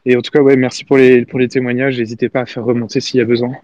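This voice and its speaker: A man's voice: medium pitch, level tone, rapid-fire, darkish tone, dry recording. A man hosting a casual live audio chat with callers, speaking informally and hesitantly with repeated words. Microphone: online audio call. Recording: band-limited, dull online audio chat.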